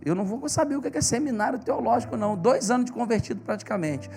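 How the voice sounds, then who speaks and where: A man's voice: extremely high pitch, animated, fast talker, gravelly, darkish tone, faint music behind. A male pastor with a Brazilian Portuguese accent preaching in church, telling stories with animation and emphasis. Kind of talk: sermon.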